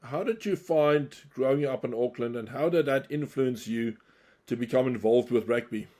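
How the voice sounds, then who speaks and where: A South African man hosts a podcast, asking questions in a friendly, chatty way during a casual interview. His voice is mid-range with a dark tone, and he speaks at a moderate pace.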